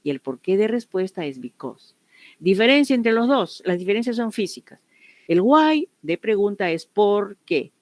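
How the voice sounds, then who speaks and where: Teaching grammar in an online class, this woman patiently goes over each example again and keeps making sure her students have understood. Her medium-pitched voice has a sing-song lilt and a darkish tone, and she talks at a normal speed in a room without echo.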